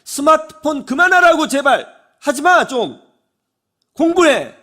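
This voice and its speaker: A man doing a loud scolding mother. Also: extremely high pitch, expressive, brisk, pitched above the performer's own voice.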